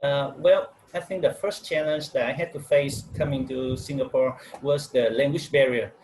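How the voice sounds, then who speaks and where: A man's voice: medium pitch, fairly even intonation, moderate pace, a little mellow, slight background noise, low-quality recording. Earnest man from Vietnam with hesitant delivery. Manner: earnest, hesitant with many uhs. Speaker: guest. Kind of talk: casual interview answers. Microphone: video call mic.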